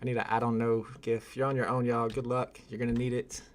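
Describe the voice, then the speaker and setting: A man's voice: mid-range voice, level tone, fairly quick. A man hosting a casual live stream, reading viewer comments aloud, rambling and exasperated and laughing often. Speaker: livestream host.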